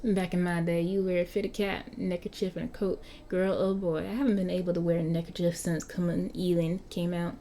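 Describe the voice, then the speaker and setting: A cocky undead street kid with a Southern US drawl, rattling off slangy asides as a woman reads the part in an interactive story. The voice is soft and mellow rather than bright. A faint noise sits under the recording. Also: lowish voice, flat delivery, fairly quick, hardly any pauses, natural voice. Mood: flippant. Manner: chatty, flippant, slangy. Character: cocky young-looking vampire, century-old street kid. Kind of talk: reading an interactive story aloud.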